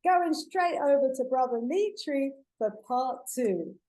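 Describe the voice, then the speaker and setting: A woman's voice: high-pitched, expressive, measured pace, rough recording. A woman hosting an online talk show, welcoming viewers as family and introducing her guest with enthusiasm. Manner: warm, affirming, addresses audience as family. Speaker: host.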